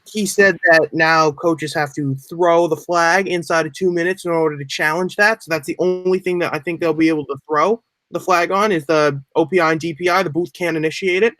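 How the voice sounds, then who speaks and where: A young man co-hosting a casual sports podcast, rambling through animated explanations. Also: a little high, brisk, hardly any pauses. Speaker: podcast co-host.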